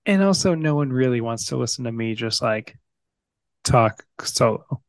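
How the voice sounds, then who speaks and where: A man's voice: medium pitch, animated, moderate pace, no room sound. A man chatting and bantering casually as a podcast co-host.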